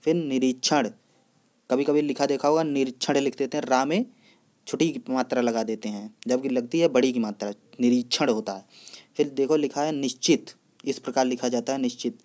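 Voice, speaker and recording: A man with a medium-pitched, brisk voice teaches an exam-prep spelling lesson, steady and instructive, repeating set drill phrases.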